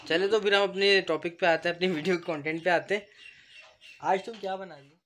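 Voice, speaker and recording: A man's voice: high-pitched, fairly even intonation, a little fast, a bit bright, slight background noise. Joking Karachi man vlogging at home. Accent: Karachi Urdu. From Karachi, Pakistan. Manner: joking, teasing, addresses viewers directly. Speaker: vlog host. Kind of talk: casual family vlog chat. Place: home during a power cut. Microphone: phone, no external mic.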